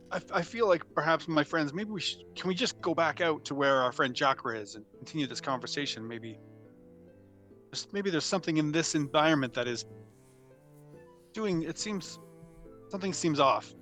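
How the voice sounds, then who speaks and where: A polite, careful fantasy adventurer, played by a man in a tabletop game, pitched a bit high. He is wordy and halting, circling back over phrases, with soft music behind. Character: courteous, cautious, curious male fantasy adventurer.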